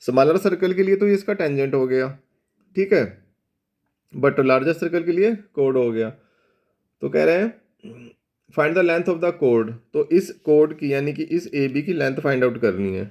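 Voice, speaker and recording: Man, maths teacher, somewhat high voice, steady board explanation that slows for dictation. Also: highs cut off. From India. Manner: mixes Hindi and English, checks in with students often; slows down to dictate English statements. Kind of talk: board lesson explaining geometry.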